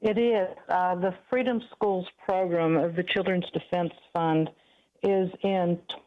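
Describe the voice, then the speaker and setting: A woman, a radio interview guest, talking over a phone call whose line keeps cutting out, halting with many fillers. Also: fairly low pitch, steady tone. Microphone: phone or bluetooth call. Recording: muffled phone line that drops out.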